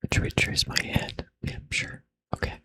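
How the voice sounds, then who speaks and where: A man doing an unscripted ASMR whispered role-play, rambling playfully in a breathy, unvoiced whisper and repeating short phrases over and over. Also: unhurried, bright, forceful tone. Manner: playful, self-deprecating, teasing.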